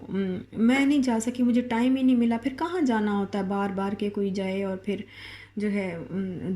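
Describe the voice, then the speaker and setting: A woman's voice: medium pitch, mellow. A middle-aged woman from Pakistan with a Pakistani Urdu accent and a sore throat, chatting in a casual home vlog from her kitchen with many fillers and restarts. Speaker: vlogger.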